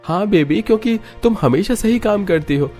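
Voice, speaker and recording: A man's voice: sits high, animated, moderate pace, a little mellow, faint music behind, pitched above the performer's own voice. A man putting on a stern young husband. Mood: coaxing.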